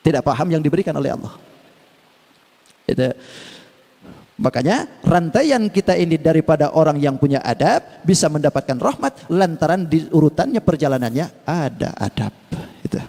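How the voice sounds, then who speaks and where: A man with an Indonesian accent preaching a dawn sermon in a mosque, telling a story with lively swings between low asides and raised exclamations. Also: moderate pace, creaky, pauses often. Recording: long hall reverb.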